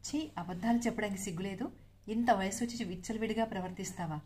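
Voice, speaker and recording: A woman's voice: medium pitch, fast talker, darkish tone, a little hiss or hum, lightly acted. A woman voicing a stern, angry middle-aged elder brother who scolds bluntly in a story reading. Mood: scolding.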